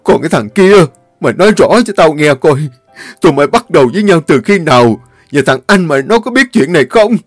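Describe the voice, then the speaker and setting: A man voicing a stern, grief-stricken elderly father, scolding and shouting at his son. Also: medium pitch, animated, moderate pace, no echo, soft background music, close to an everyday voice. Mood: furious.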